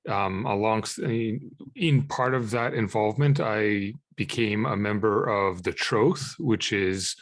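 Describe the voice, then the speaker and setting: Low-voiced man in his thirties, halting. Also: no room sound. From Israel. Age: 30s. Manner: halting, many fillers and restarts. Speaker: podcast guest. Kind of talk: conversational interview answers.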